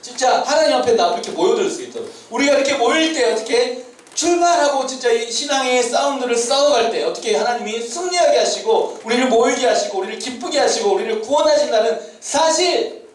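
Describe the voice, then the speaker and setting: A man giving a sermon to high school students, animated and joking, with shouted calls between his points. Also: brisk. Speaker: youth pastor. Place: church hall. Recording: echoey church hall from far off, faint ambience.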